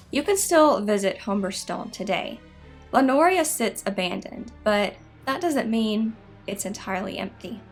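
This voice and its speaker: A woman narrating scripted spooky history stories in a measured, explanatory way. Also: on the high side. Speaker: narrator of a haunted history show.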